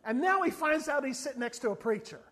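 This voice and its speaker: A fast-talking man with a very high voice preaches as an evangelist and is not from South Africa. He energetically recounts a funny story, briefly impersonating the people it's about.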